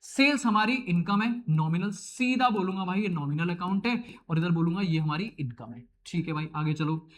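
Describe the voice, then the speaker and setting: A man's voice: high-pitched, expressive, normal speed, hardly any pauses. A male accounting teacher with an Indian accent giving a chatty online lecture, teasing and addressing students affectionately. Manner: chatty, teasing, calls students beta and babu.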